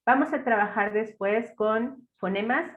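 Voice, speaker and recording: A woman's voice: a little high, a little slow, highs cut off. A woman with a Mexican Spanish accent giving an academic talk with slides. She explains methodically, step by step, with example words. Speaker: lecturer.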